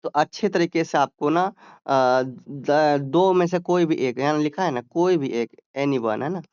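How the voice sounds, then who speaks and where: A man with a Hindi accent gives an exam-prep lesson in a slightly high, smooth voice. He explains step by step, stretches out English terms and keeps checking that students follow. The recording is dry and a little muffled. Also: unhurried, darkish tone, no room sound. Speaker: exam tutor.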